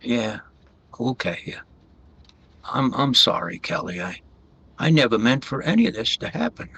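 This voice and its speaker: A man playing a meek, cornered murderer confessing in a radio detective drama, halting and apologetic. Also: medium pitch, sing-song, creaky, sharp tone, husky, heavily acted. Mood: remorseful, panicked.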